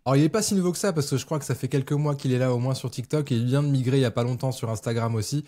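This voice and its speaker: A man co-hosting a podcast in a relaxed, easygoing way. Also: medium pitch, racing. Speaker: podcast co-host. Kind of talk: casual chat.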